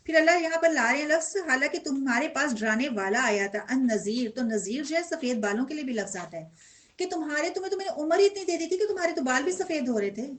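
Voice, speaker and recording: Lively woman teaching a Quran class. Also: high-pitched. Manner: animated, asks the class questions and answers them. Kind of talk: religious lesson with class responses.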